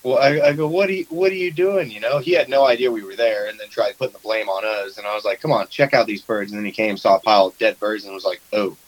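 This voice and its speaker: A man in relaxed conversation, spinning hunting anecdotes with animated quoted dialogue. His voice sits on the low side. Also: fast talker, hardly any pauses, poor audio. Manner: animated storyteller, acts out quotes. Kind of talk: casual chat about duck hunting.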